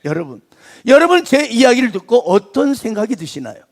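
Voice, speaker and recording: A man pastor preaching a sermon, swinging between emphatic lines and hushed, nearly whispered ones. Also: very high voice, big pitch swings, fairly quick, vocal fry.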